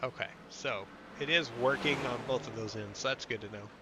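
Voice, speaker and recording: A sim racing commentator with a stuffy, nasal voice from a cold calls an online race in chatty play-by-play and reads out lap times. He sounds congested and under the weather, with a mid-range voice at a slightly fast pace over background noise.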